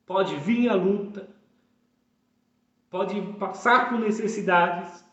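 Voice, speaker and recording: A man in his thirties preaching a fervent sermon, repeating phrases for emphasis. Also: high voice. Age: 30s. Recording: echoey room, dull lo-fi sound.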